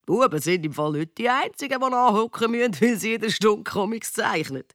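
A woman's voice: fairly high pitch, lively intonation, normal speed, a bit bright, no echo, clean studio sound. A woman with a Swiss German accent voicing a friendly male teacher in a storybook, chatty and coaxing.

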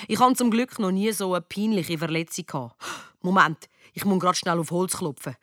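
A woman with a Swiss German accent reading a children's story in the first person, cheeky and lively. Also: lowish voice, normal speed, no echo, clean studio sound. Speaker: audiobook reader.

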